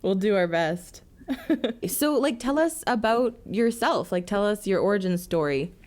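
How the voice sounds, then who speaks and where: A woman's voice: medium pitch, lively intonation, measured pace, darkish tone, slight background noise. A woman co-hosting a podcast, upbeat, reading a guest introduction and chatting casually. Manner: upbeat, reads intro smoothly. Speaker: podcast co-host.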